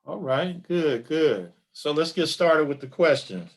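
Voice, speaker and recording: A man's voice: a little high, animated, a little slow. Man hosting a community podcast. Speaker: podcast host. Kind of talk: interview.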